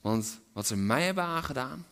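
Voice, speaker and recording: A man preaching a sermon, dropping to hushed whispers and rising to loud, impassioned climaxes. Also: medium pitch, animated, normal speed, creaky.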